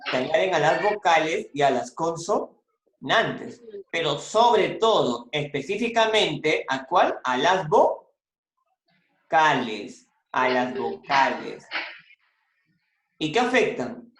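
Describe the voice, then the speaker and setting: A teacher leading an online class over a video call, speaking slowly and deliberately while coaxing answers from the students. The voice sits at an ordinary pitch. The sound is roomy, with a clear echo around it. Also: expressive, fairly bright tone. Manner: patient, repeats and prompts students.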